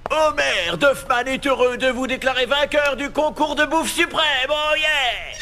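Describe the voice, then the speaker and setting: A swaggering cartoon mascot announces with showy bravado. His voice is extremely high for a man, bright and forceful, booming out every phrase. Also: a little slow, slight background noise, heavily acted. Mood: showy hype. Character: hyped, self-important beer mascot announcer. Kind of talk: dubbed cartoon game announcing.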